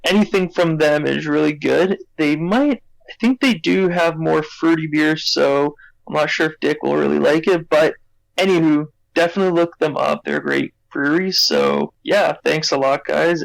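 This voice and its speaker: A man's voice: on the high side, normal speed, vocal fry, no room sound, low-quality recording. A young Canadian man leaving a friendly, rambling voicemail for a podcast as a listener. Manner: friendly and enthusiastic, rambling with fillers. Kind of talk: recorded voicemail message.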